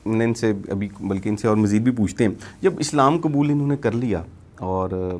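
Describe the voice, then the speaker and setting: A man's voice: lowish voice, a little mellow. A man hosting an interview, attentive and murmuring agreement often. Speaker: host. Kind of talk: interview questioning.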